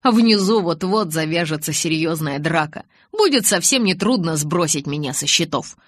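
A woman reading the lines of a brash, stubborn young man who teases and defies, in a husky voice. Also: low-pitched, expressive, normal speed, dry recording, studio quality. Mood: defiant. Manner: loud, teasing, defiant.

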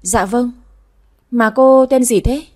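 A woman's voice: fairly high pitch, slow, darkish tone. A woman voicing a loyal young maidservant who answers bluntly but politely.

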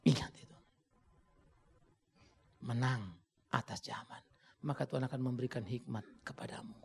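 A man preaching a sermon with passion, swinging from shouts to hushed warnings and sharp, mocking rebukes. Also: medium pitch, fairly even intonation, normal speed, gravelly, breathy edge. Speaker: pastor.

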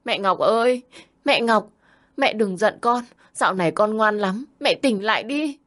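A woman's voice: medium pitch, measured pace, fairly bright tone, pitched above the performer's own voice, lightly acted. A woman voicing a small boy who cries and pleads for his mother in a storybook reading. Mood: tearful pleading. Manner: tearful pleading.

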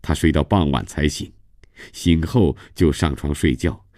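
A man narrates a novel for radio in a steady, measured storyteller's voice. His tone sits very low and dark. The studio sound is close and dry, with no room around it. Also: no echo.

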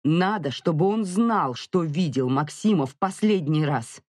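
An audiobook narrator voicing a furious, grieving young mother who shouts and accuses, near hysteria. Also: medium pitch, expressive, a little slow, dry recording, clean studio sound. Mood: hysterical. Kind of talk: audiobook character reading.

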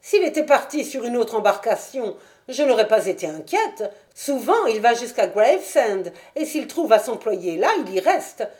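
A woman's voice: a little high, big pitch swings, normal speed, pitched above the performer's own voice. A woman voicing a stout, talkative boatman's wife in a French audiobook. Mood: chatty. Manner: loud, fussing and talkative. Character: shrill stout working-class boatman's wife.

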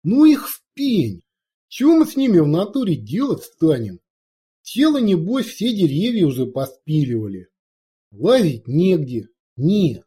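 A man voicing a brash, crude male orc warrior who shouts in coarse slang. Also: husky, heavily acted. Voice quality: high strained shouting, coarse street slang.

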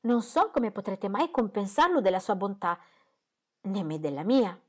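A woman reading aloud, voicing a fussy, excitable middle-aged mother who complains about her nerves. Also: medium pitch, moderate pace. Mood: delighted. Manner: exclamatory and complaining.

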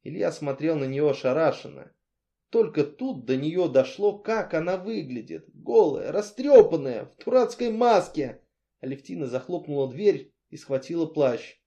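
Male audiobook narrator, mellow, slightly high. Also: lively intonation, normal speed, gravelly.

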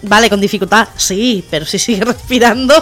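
A woman's voice: brisk, soft background music. Woman telling jokes on local radio. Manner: lively joke-telling, acts out characters with pitch jumps. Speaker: radio comedy host.

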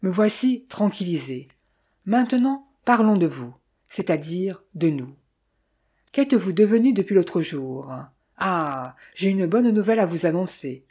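A woman's voice: fairly low pitch, lively intonation, unhurried, dark tone, breathy edge. A woman reading as an anxious young fiancée. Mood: eager. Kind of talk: audiobook dialogue reading.

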